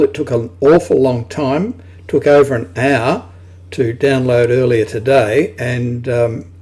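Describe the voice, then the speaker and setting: A man's voice: medium pitch, a little mellow. Apologetic man on a video call. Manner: apologetic, chatty. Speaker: meeting host. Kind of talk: online club meeting chat.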